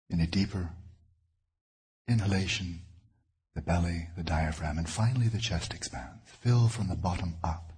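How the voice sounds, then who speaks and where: A deep, somewhat mellow and husky male voice belongs to a meditation teacher who speaks in deliberate phrases, leaving pauses as he guides.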